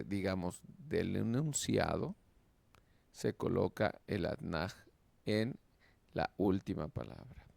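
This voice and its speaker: A man with a deep, heavily gravelly voice teaching a lesson. He explains at a very slow, deliberate pace and keeps checking in with his listeners. The sound is dry and close. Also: dry recording. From Mexico. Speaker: Hebrew teacher. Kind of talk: lecture.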